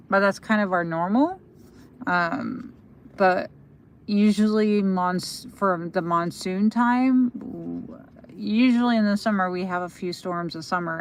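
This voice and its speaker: American woman, halting live outdoor commentary. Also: on the low side, gravelly, slight background noise. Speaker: livestream host for a local magazine. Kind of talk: casual live commentary answering viewer comments. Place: outdoors at night by a lake.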